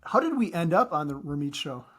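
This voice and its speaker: A man co-hosting a podcast in casual chat, talking fast and often repeating words as he restarts. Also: a little high, very animated, fairly bright tone. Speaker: podcast co-host.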